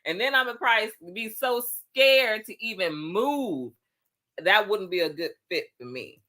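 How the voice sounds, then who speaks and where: Animated, slangy woman host. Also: mid-range voice, moderate pace. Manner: animated, slangy, acts out quoted friends. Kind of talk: casual chat reading listener comments.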